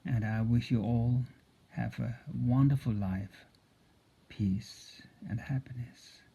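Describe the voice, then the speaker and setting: A man, a Buddhist teacher who chants mantras slowly and gives a soft-spoken talk. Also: medium pitch, gravelly, husky. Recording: dull lo-fi sound.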